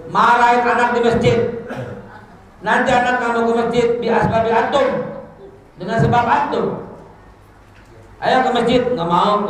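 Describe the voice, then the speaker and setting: A man preaching a lively sermon to parents, acting out parents and children and mixing in Arabic phrases. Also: very high voice. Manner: animated, acts out parents and children, sings snatches, quotes Arabic. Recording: echoey hall with faint noise.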